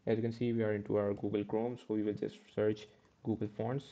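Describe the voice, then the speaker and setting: Over a screen recording, a man teaches coding one step at a time, self-correcting as he goes with "uh" and "okay." He speaks a little fast in a fairly low, dark, level voice, and the audio is dull.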